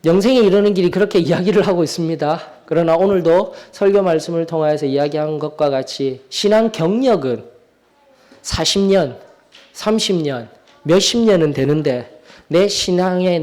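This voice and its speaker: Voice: mid-range voice, darkish tone. A church Bible study teacher leading a Sunday class, earnest and exhorting, putting questions to the listeners.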